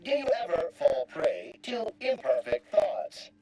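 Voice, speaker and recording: Officious robot examiner with swooping pitch. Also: big pitch swings, unhurried, noisy background. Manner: formal, stilted, verbose. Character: officious automechanical assessment machine, rigid and bureaucratic. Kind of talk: scripted game dialogue.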